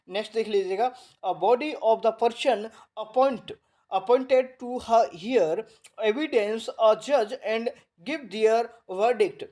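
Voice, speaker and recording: Male Indian exam tutor, warm and mellow tone, halting English, chatty check-ins with students. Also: sits high. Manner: reads English definitions haltingly, then explains in Hindi; repeats tag questions to the class. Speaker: exam coaching teacher. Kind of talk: online vocabulary lesson.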